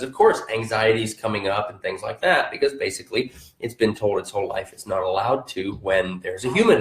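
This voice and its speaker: A man hosting an interview podcast, easygoing and affirming as he reads out listener questions. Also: mid-range voice. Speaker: podcast host. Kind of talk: casual interview. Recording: echoey room.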